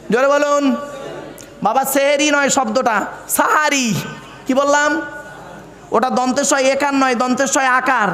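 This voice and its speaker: Male preacher, very high voice, quizzes the crowd, sung recitations, booming echo over a PA. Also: fairly bright tone, slight background noise. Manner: sing-song Quranic recitation. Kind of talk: sermon at a religious gathering. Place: large outdoor gathering. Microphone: microphone over speakers. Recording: echoey hall reverb, faint ambience.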